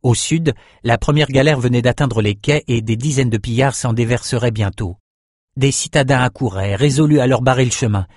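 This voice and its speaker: A man reading a fantasy novel aloud in steady, measured scripted narration. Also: medium pitch, no echo, studio quality. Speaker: audiobook narrator.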